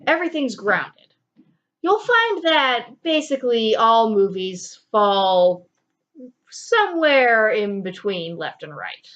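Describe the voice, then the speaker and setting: A woman co-hosting a casual film review, animated with playful asides, in a dull lo-fi recording. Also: on the high side, takes it slowly.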